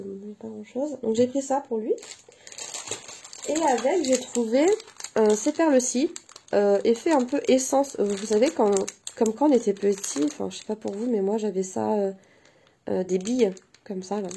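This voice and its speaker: Gravelly-voiced chatty woman vlogger. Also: fairly high pitch, warm tone, a little hiss or hum. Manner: chatty, hesitant with many fillers. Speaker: crafting vlogger; mother. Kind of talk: casual haul video chat.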